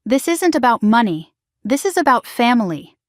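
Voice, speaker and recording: A woman's voice: fairly high pitch, big pitch swings, normal speed, no room sound, clean studio sound, voice pushed up. A woman voicing a stern, defensive middle-aged father who speaks in curt, commanding lines in a storybook drama.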